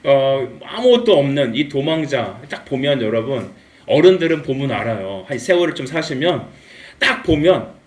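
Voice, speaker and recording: Man, pastor, animated sermon, humorous, echoey church sanctuary, heard from a distance. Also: mid-range voice, normal speed. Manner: animated, acts out dialogue with humor. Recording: echoey room, mic at a distance.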